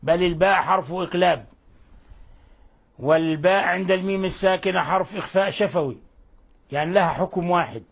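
A man's voice: high voice, a little fast, creaky, pauses often, slightly rough. A man teaching a tajweed lesson on Quran recitation, explaining the rules patiently and often repeating and correcting his phrases.

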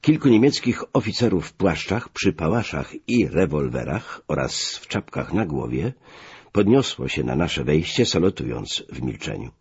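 A man reading a story aloud as narrator, with measured, expressive storytelling, in a muffled recording. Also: rumbling low, husky. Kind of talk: audiobook narration.

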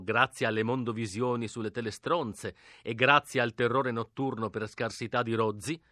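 Bright-voiced male audiobook narrator. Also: medium pitch, no room sound, studio quality. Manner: expressive, hushed in the whispered dialogue. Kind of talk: literary audiobook reading.

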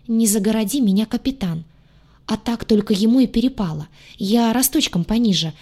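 A woman narrating a first-person audiobook in a lively, wry, expressive way. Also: fairly high pitch.

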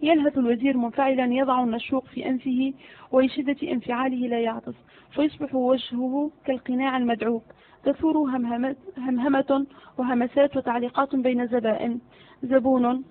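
A woman reads the stage directions of a play aloud in a steady voice. Her pitch is high, and the recording is thin and narrow like a phone call. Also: a little fast. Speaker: narrator.

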